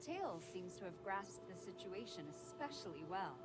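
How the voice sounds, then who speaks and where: A woman playing a gentle, earnest dream guardian in a video game, speaking in a measured, formal way. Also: mid-range voice, sing-song, lightly acted. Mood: earnest, apologetic. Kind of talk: scripted video game voice acting. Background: game music.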